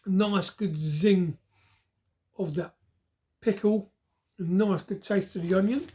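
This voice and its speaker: A woman's voice: medium pitch, takes it slowly, warm tone. A woman giving a casual, chatty food review, repeating words for emphasis. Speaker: snack reviewer.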